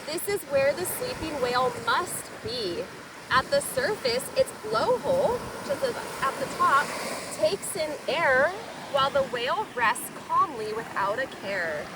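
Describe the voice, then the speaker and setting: Reading a children's picture book aloud, a woman uses a high, lively voice that swings widely in pitch, adding asides that explain words simply for young listeners. Her pace is measured and unhurried. The microphone sits at a distance, and a noisy, surf-like outdoor ambience runs underneath.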